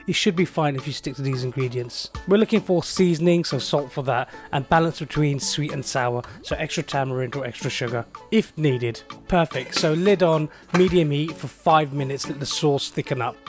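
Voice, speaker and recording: A man's voice: a little high, darkish tone. Upbeat man hosting a cooking show. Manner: upbeat, playful presenter. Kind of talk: recipe demonstration. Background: background music.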